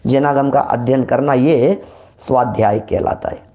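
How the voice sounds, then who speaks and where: A man giving a religious discourse, reciting verses slowly and repeating key words for emphasis. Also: mid-range voice, fairly even intonation, warm tone. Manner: slow, deliberate recitation of Sanskrit and Prakrit verses. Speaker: Jain scripture teacher.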